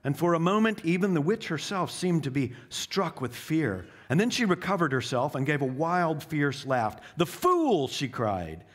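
A male pastor preaching a sermon, reading a storybook passage aloud in a dramatic way that drops soft for the solemn parts. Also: a little high, lively intonation, moderate pace, hardly any pauses.

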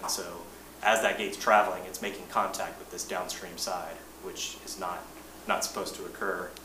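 A man, an engineering manager, presenting updates to a board in a measured, plain-spoken way, often restarting his sentences. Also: low voice, little pitch movement, sharp tone. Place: boardroom meeting. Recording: roomy distant mic, noisy meeting room.

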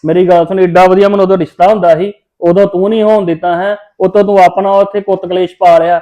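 A brash Punjabi man fires off his lines quickly in a slightly raised voice, teasing and boastful. The recording sounds a little dull and lo-fi. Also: high-pitched, flat delivery, mellow. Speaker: brother in a family drama. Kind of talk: Punjabi web-series acting.

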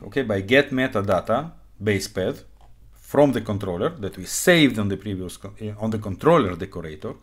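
A programming instructor with a lowish voice explains code in English during a live tutorial, speaking informally and haltingly with non-native phrasing and frequent "okay" check-ins. English isn't his first language; he also speaks Hebrew, Russian and Ukrainian. It's a webcam screen recording made in a small indoor room.

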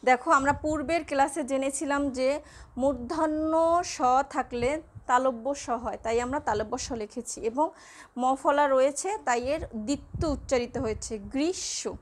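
A woman teaches a pronunciation lesson with a high-pitched voice. She goes slowly and patiently and names each letter one at a time, the way a lecturer explains to her class. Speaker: Bengali lecturer.

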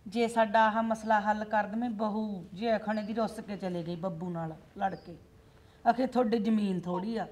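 An anxious village mother, played by a woman, begging her brother to help her. She speaks in a medium-pitched voice. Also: fairly even intonation, moderate pace, darkish tone, natural voice. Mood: pleading. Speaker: mother of the groom. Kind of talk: rural comedy-drama acting.

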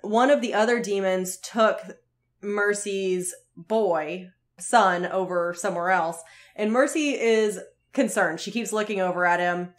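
A woman co-hosting a podcast, recapping a show in a relaxed, animated way. She laughs often as she retells the plot, with a mid-range voice. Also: mid-range voice, measured pace. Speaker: podcast co-host. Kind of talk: casual chat recapping a TV episode.

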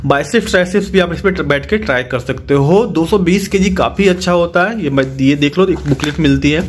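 A man's voice: on the high side, fairly quick, a little hiss or hum. A man in his thirties from Jharkhand, chatting casually to a phone camera at home while reviewing a gym bench, often repeating and correcting himself. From Jharkhand, India. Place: small room at home, indoors. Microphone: phone camera, handheld close.

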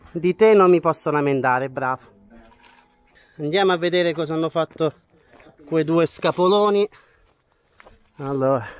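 A man, chatting enthusiastically to viewers in a casual countryside vlog, filmed outdoors and indoors on an action camera. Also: a little high. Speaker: vlogger farming in the countryside. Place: outdoors on a farm plot and in a small rural room. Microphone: wide-angle action camera held or worn.

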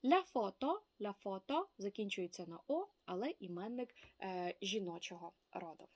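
A woman's voice: medium pitch, animated, moderate pace. A woman teaching an online language lesson, patiently saying each example word twice and stressing it. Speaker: Spanish teacher.

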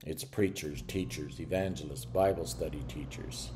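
Older guy preaching into his webcam at home, earnest, stumbles and restarts, deep voice. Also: warm tone, a little hiss or hum. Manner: earnest, stern, halting with restarts. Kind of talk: warning sermon to camera. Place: small indoor room at home.

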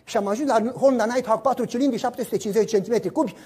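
A middle-aged man preaching a sermon, telling stories with lively acted-out voices and sound effects. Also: extremely high pitch, breathy edge.

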